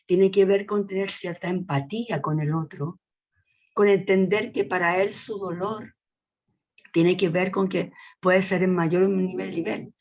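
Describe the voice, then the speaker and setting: A woman's voice: medium pitch, fairly even intonation, measured pace, darkish tone. A woman with a Chilean accent speaking in a casual group discussion, frank and colloquial, often restarting her sentences. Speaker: colloquium participant.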